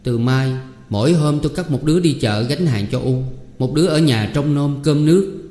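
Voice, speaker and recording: Male reader as a tearful, pleading young son; raised, dark-toned voice, roomy reverb. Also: a little high, normal speed, voice pushed up, natural voice. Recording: echoey room with long reverb.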